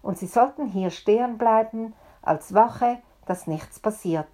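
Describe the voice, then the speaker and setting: A woman's voice: a little high, unhurried, dark tone. A woman as an eager young messenger. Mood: relieved. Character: young man, the rabbi's son, relieved messenger.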